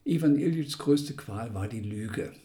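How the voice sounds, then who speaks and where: A man's voice: medium pitch, animated, unhurried, mellow. A man narrating a literary text in an intense, dramatic reading that sometimes drops to a whisper.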